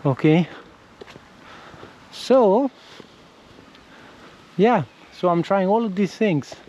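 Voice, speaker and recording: His voice is high-pitched, expressive and darkish, and he talks extremely slowly: an Italian-accented man, speaking English as a second language, vlogging casually on an outdoor walk. He is hesitant, often restarting and correcting himself. The action camera with a windscreen yields a muffled recording.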